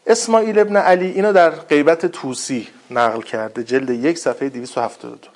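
A man preaching a sermon, telling a religious story in a conversational way with rambling asides and slowly recited Arabic quotes. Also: on the high side, a little mellow. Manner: recites Arabic quotes slowly, then retells them in plain speech.

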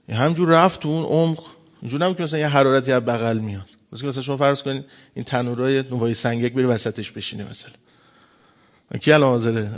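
Male preacher, storytelling sermon, acts out dialogue, emphatic peaks, mid-range pitch. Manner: acts out quoted dialogue, rising to emphatic bursts.

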